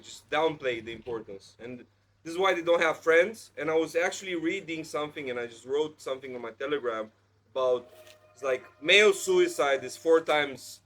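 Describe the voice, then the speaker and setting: A man's voice: a little high, a bit bright. A man in his thirties hosting a casual podcast chat, blunt and preachy, peppering his talk with "like". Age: 30s. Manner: heavy use of "like", blunt and preachy. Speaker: podcast host.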